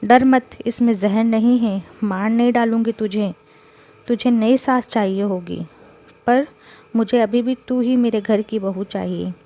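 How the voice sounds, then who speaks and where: A woman voicing a stern, fierce mother-in-law in a storybook tale, talking in sharp, scolding rebukes. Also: on the high side, a little slow. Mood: teasing, tender. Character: stern fierce older mother-in-law, protective of her daughter-in-law.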